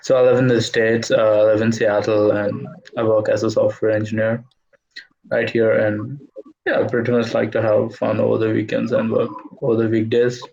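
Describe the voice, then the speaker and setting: A man from India, a software engineer, chatting on a video call in a hesitant, rambling way. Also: lowish voice, little pitch movement, moderate pace, gravelly. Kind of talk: casual chat on video call. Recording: dull lo-fi call audio with faint noise.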